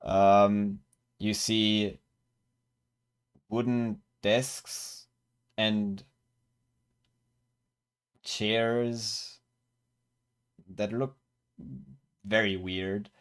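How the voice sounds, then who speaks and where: A man narrating as game master of a tabletop game, describing scenes slowly and searching for words with many fillers and restarts. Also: fairly low pitch, level tone, clear, resonant tone.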